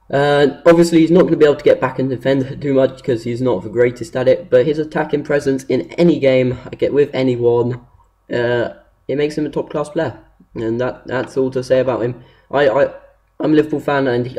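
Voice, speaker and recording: A man's voice: mid-range voice, a little mellow. A man giving casual, unscripted commentary as a gaming video host, hesitant and rambling as he talks.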